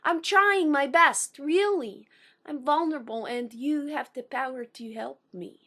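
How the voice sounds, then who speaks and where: A woman in her thirties introduces and then performs a spoken word poem, phrasing carefully and pausing. Her voice sits high, pushed and bright, and her slightly unusual speech is at times taken for a foreign accent.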